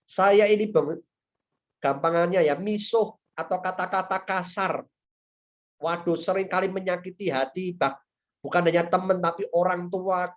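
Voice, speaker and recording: A young man giving a sermon to students, telling a personal story and addressing his listeners directly. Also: high voice. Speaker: evangelist preaching to students.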